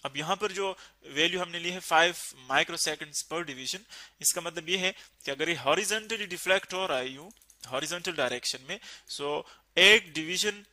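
A man teaching a physics lesson, explaining slowly and repeating key terms. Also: on the high side, pushed and bright.

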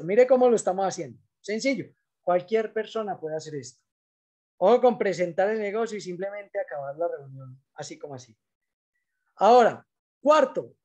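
A man's voice: high-pitched, a little mellow. A man giving a business training talk, coaching salespeople in an emphatic, direct way.

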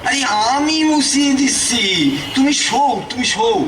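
A man's voice: very high voice, moderate pace. A man playing an eager, hospitable villager puppet in a folk-tale show, insistently repeating his words. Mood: fussing, coaxing. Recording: echoey, distant, very noisy.

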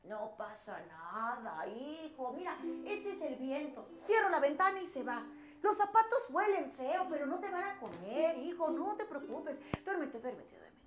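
A woman with a Mexican accent voicing a drowsy, patient father calming his son. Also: high voice, measured pace. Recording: echoey room with ukulele music.

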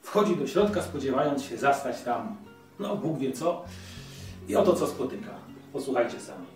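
A man's voice: medium pitch, sing-song, moderate pace, darkish tone, faint music behind. Male host, chatty playful review, far from the mic in a very echoey room. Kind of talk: casual video review.

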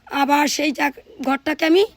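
A woman's voice: sits high, fairly even intonation, measured pace, no echo. A woman in her thirties, a mother of three, narrating her household chores in a chatty way that speaks straight to her viewers. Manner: chatty, addresses viewers directly. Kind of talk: casual household vlog narration.

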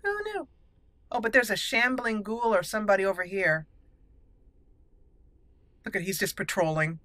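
At normal speed, a woman with an expressive, medium-pitched and somewhat bright voice delivers casual roleplay game commentary as a gaming channel host, talking playfully to the characters. The recording has no room sound.

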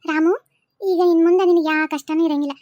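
A very high, soothing voice of a protective sister figure in a cartoon, played by a woman, with a North Karnataka accent. It is motherly and gentle, recorded dry and close to the mic. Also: fairly even intonation, brisk, no room sound, muffled recording. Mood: tender. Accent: North Karnataka Kannada. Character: caring young woman guardian, secretly divine.

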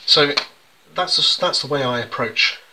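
A man's voice: mid-range voice, a little slow, noisy background. An English man, a children's poet, chatting through how he illustrates his poems, with many ums and restarts. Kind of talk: casual explanatory demonstration.

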